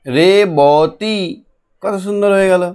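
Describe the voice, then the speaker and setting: A middle-aged man teaching a classroom lesson, patiently repeating and drilling syllables slowly. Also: fairly high pitch.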